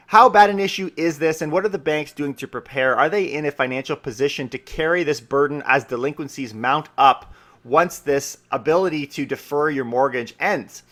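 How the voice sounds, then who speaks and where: A man's voice: a little high, a bit bright. A man with a Canadian accent, a real estate broker hosting a solo daily podcast, talking in an upbeat, chatty way with casual asides. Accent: Canadian English.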